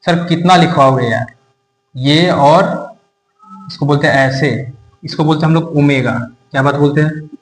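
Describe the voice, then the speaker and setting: A man's voice: on the high side, normal speed, reverberant, rough recording. A young man teaching a casual lecture, acting out both sides of a teasing back-and-forth with his students. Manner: acts out student and teacher dialogue, informal and teasing.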